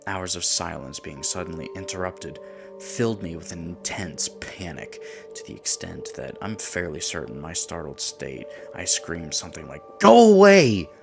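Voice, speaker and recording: A man with a very deep voice narrates a first-person horror story. His tone is gravelly, and his measured, hushed delivery sometimes drops into whispers. Music plays clearly underneath. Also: steady tone.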